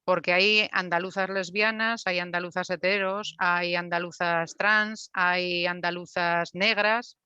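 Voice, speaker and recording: Woman moderating a zoom talk, bright crisp voice, dry lo-fi sound, stumbles over her questions. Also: lowish voice, steady tone, measured pace, few pauses, no echo. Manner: hesitant questions with repeated words. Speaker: event host and interviewer. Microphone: video call. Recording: dry lo-fi video call audio.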